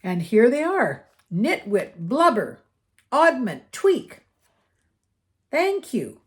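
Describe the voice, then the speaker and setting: A woman's voice: a little high, wildly swooping pitch, extremely slow, voice pushed up, heavily acted. A woman voicing a whimsical elderly male headmaster giving a grand, playful welcome in an audiobook. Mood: cheerful. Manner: grand, cheerful, playful speech.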